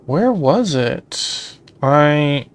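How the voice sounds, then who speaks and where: A man's voice: fairly high pitch, very animated, drawn-out words. A man casually commenting on a video game as he plays, chatting and reading the subtitles aloud. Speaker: let's play host. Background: game music.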